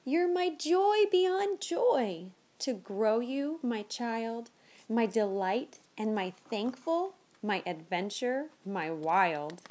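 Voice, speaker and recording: A woman in her thirties leads a read-aloud for young kids, her pitch fairly high and her pace slow. She introduces and reads the picture books with big, animated expression.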